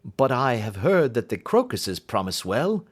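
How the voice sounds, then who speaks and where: A man's voice: mid-range voice, big pitch swings, measured pace, voice pushed up. A man voicing a cool, keen detective in an audiobook, reasoning precisely and staying blandly unflappable. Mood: bland, unruffled. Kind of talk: audiobook character acting.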